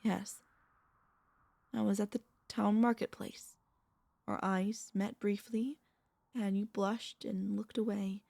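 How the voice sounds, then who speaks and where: In an intimate ASMR audio roleplay, a woman plays a tender, anxious, possessive vampire mistress, pleading in soft, formal phrases broken by dramatic pauses. Her medium-pitched voice is level in tone with some vocal fry, the mood is soothing, and there's no echo.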